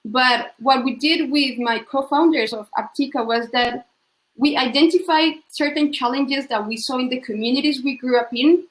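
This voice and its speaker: A young woman speaks as a panelist, reflective and full of fillers. Her voice sits a little high. The room around her is echoey. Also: moderate pace. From Colombia. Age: young adult. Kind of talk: panel discussion answer.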